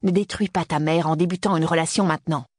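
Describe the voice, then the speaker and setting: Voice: mid-range voice, fairly even intonation, quick pace, no room sound, clean studio sound, close to an everyday voice. A reader voicing Frank, a stern graying father. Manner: clipped, peremptory delivery. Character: stern graying middle-aged father, curt and commanding. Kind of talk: audiobook character reading.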